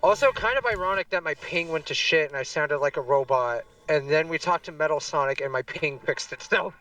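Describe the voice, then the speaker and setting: A man with a somewhat high voice chats loosely on a game stream, stringing thoughts together with lots of fillers. He sits a little away from the mic, and faint game music plays under him. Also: brisk, bright, forceful tone, distant mic, poor audio. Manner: rambling, heavy on fillers. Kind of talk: casual chat while gaming.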